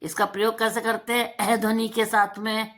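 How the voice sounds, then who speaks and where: A woman's voice: a little high, little pitch movement, moderate pace, fairly bright tone. A woman teacher giving a lesson to children, drawing out example words and asking and answering her own questions. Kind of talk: slow, deliberate Hindi lesson for children.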